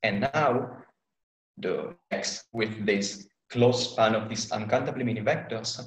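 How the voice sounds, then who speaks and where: Low-voiced man on a choppy video call. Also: a little slow, echoey room, rough recording. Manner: hesitant, many fillers and self-corrections. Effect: choppy, cutting-out online call audio. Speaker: seminar speaker. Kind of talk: mathematics research talk.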